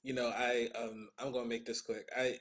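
A man, an artist on a panel, speaking in a soft-spoken, modest way. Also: mid-range voice, level tone, normal speed, background noise. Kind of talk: panel discussion.

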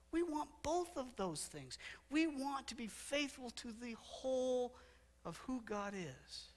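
A middle-aged pastor preaches a sermon in a church sanctuary, walking the stage, gesturing and slowing down to stress repeated words. His voice is high-pitched with a fairly bright tone.

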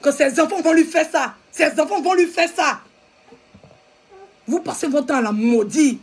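A woman's voice: high-pitched, moderate pace. A woman with an Ivorian French accent giving a heated, repetitive rant that scolds her viewers. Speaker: social media commentator. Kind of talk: angry live video rant.

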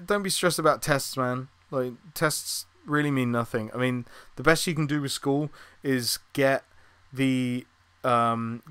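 A man's voice: mid-range voice, fairly bright tone, clean tone, dry recording. A man with a British accent casually chatting as he streams a video game live from a room at home. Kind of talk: casual chat over gameplay. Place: small room at home, indoors. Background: faint game music.

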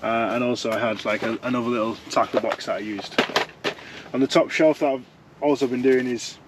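A man's voice: medium pitch, steady tone, a little fast, background noise. A young man chatting casually as he reviews fishing gear from inside a tent, rambling and restarting his sentences. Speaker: fishing vlogger.

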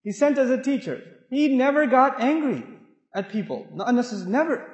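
A middle-aged man from Pakistan giving an animated, humorous Islamic talk to an audience in a large mosque hall, acting out voices as he tells stories. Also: extremely high pitch, moderate pace, highs cut off. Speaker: Islamic lecturer. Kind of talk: sermon-style talk with storytelling. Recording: echoey hall with long reverb.

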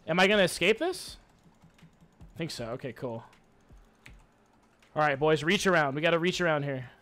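A young man giving excitable, hyped commentary while playing a video game, swearing and taunting his enemies. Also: on the high side, normal speed. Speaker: gaming YouTuber. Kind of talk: live gameplay commentary.

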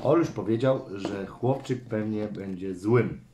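A man's voice: fairly low pitch, unhurried, mellow, a little hiss or hum. A man, a father hosting a casual toy unboxing with his son, chatty and teasing, reading a comic aloud. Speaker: father and channel host.

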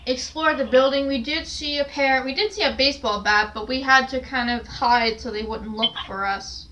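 High-pitched, bright, and forceful at a normal speed, a young woman spins a casual story on camera in her small, untidy bedroom, stumbling over fillers and restarts. The camera sits on a stand at a distance, and the rough recording has a little hiss or hum.

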